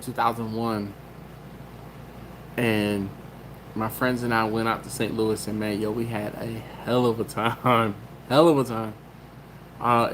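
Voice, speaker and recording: Rambling through a casual livestream, a Maryland man reads chat comments out loud, laughs a lot, and keeps cutting himself off to restart. He has a mid-range voice, and the rough recording carries slight background noise.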